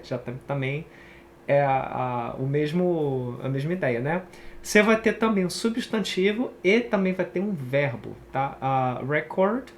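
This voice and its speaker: A man's voice: fairly high pitch, slight background noise. A man from Brazil teaching an online English pronunciation lesson, casual and chatty, explaining while he writes on screen.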